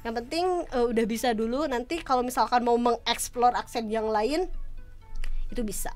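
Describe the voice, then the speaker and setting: A woman's voice: on the high side, normal speed, faint music behind. A woman English lecturer explaining in a casual podcast chat, switching between Indonesian and English and often tagging her sentences. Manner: mixes Indonesian and English, frequent tag "gitu ya".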